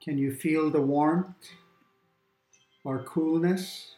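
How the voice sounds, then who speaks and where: A man guiding a calm grounding meditation exercise, giving gentle, unhurried instructions with long pauses between phrases. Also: a little high, reverberant. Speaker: meditation guide. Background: quiet background music.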